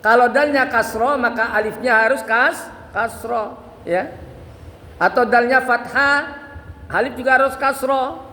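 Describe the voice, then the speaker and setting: A man teaching Quran recitation, explaining the rules briskly and then chanting verses slowly and melodically to demonstrate. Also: very high-pitched, pushed and bright. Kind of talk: religious lesson on Quran recitation. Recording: echoey hall with long reverb and faint ambience.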